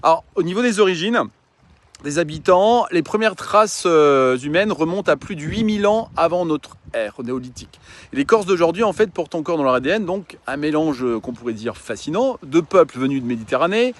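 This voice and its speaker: A man's voice: a little high, expressive, fairly quick. A man, a coach and mountain guide, talking earnestly and informally to his followers, with frequent fillers and restarts. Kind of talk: casual informal talk to followers.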